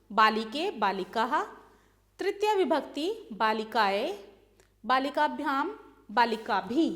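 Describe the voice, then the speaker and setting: Slow, high-voiced woman reciting word forms. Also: a bit bright. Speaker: teacher. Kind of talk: reciting a grammar lesson.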